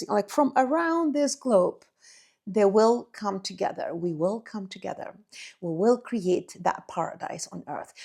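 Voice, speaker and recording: A channel host and spiritual teacher from Egypt, an Arabic speaker, pours out an effusive, incantatory monologue to viewers she calls beloved. Her woman's voice sits at a middling pitch, gravelly and darkish, as she strings phrases together with frequent "you know, like" fillers.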